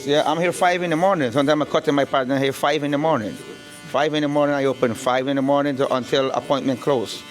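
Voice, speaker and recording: In an indoor barbershop with faint music in the background, a middle-aged man from Guyana chats about the business he owns during a relaxed interview. His Guyanese-accented voice is mid-range and quick, with fairly even intonation. He's easygoing, repeats himself, and keeps dropping in "you know."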